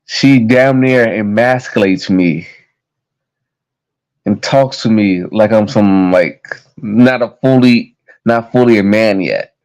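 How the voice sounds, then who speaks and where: A man's voice: fairly low pitch, slow, a little mellow, low-quality recording. An American man in his thirties talking to his viewers in a casual, heated monologue, blunt and full of profanity. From United States. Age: 30s. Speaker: vlogger.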